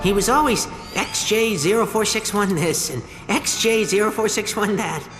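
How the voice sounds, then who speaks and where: A woman's voice: medium pitch, moderate pace, lightly acted. Woman as earnest guardian, echoing hall. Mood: warm, earnest. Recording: echoey hall with loud music.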